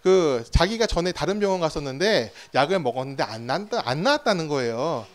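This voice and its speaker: A man's voice: on the high side, sing-song, a little fast. A man preaching a sermon as pastor, telling stories with rhetorical questions and acted-out quotes.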